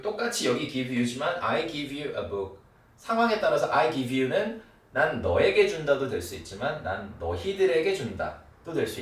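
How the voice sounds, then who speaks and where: A man gives a grammar lesson with a lively, rising and falling voice. He repeats example phrases slowly, again and again, so they can be drilled. The sound is roomy, and he is set back from the mic. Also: mid-range voice, distant mic. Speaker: English teacher. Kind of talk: spoken English grammar lesson.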